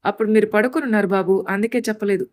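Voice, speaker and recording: A woman's voice: medium pitch, fairly even intonation, racing, a little mellow, no room sound, clean studio sound, lightly acted. A woman voicing a deferential housemaid in a storybook. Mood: polite. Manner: polite, deferential.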